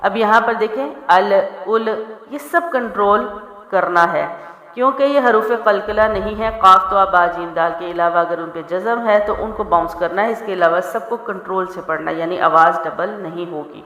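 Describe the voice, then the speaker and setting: A woman teaching Quran recitation, drawing out syllables slowly in letter drills. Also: mid-range voice, a bit bright. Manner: slow, elongated syllable drills. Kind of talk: tajweed lesson with drawn-out letter drills. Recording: echoey hall, dull lo-fi sound.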